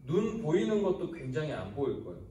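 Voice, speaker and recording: A man's voice: on the high side, quick pace. A man in his thirties, a youth pastor, giving a casual sermon to teenagers and quizzing them as he tells the story. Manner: animated storytelling, asks the audience questions. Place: church hall. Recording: echoey room from a distance.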